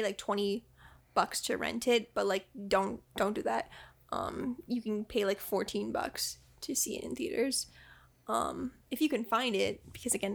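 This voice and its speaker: A woman in a relaxed review chat, her voice pitched a little high with a gravelly fry running through it. She talks loosely, pausing on fillers and breaking into laughter easily. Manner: chatty, hesitant with many fillers, laughs easily. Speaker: podcast co-host. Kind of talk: casual film review chat.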